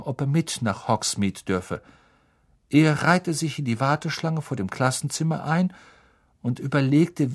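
A man reading a children's fantasy audiobook in lively, expressive narration. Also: on the high side. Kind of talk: scripted narration.

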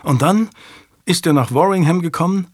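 A man's voice: high voice, normal speed, dry recording, studio quality, pitched above the performer's own voice. A man voicing an earnest young noblewoman who speaks with urgency. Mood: urgent.

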